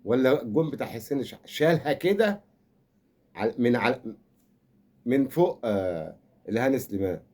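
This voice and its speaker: An older Egyptian-accented football fan commentator rambles through a comic rant, teasing and offering mock consolation. His voice is medium-pitched, animated, and darkish, a bit fast, with long pauses.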